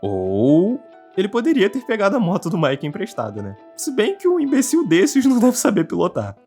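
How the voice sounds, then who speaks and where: A Brazilian man with a Brazilian Portuguese accent guest co-hosts, reading a scripted commentary recap full of sarcastic jabs. His voice sits high and is a little mellow, with wildly swooping pitch at a moderate pace. Faint music plays behind him.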